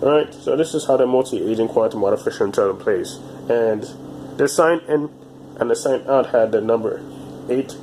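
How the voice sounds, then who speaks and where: A man in his twenties talking alone to his channel in a halting, repetitive way, often restarting his phrases. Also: medium pitch, a little mellow, a little hiss or hum, rough recording. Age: 20s. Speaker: vlogger. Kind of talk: casual monologue to camera.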